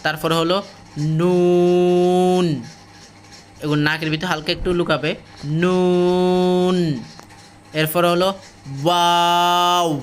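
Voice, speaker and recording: A man with a Bangladeshi Bengali accent teaching the Arabic alphabet, stretching each letter name slowly and repeating it. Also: a little high, fairly bright tone. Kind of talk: slow teaching with drawn-out demonstrations.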